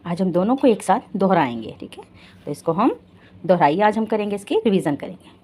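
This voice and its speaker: A woman's voice: medium pitch, big pitch swings, fairly quick, mellow, breathy edge. A woman teaching a children's Hindi lesson, patient, asking the children questions and repeating each step.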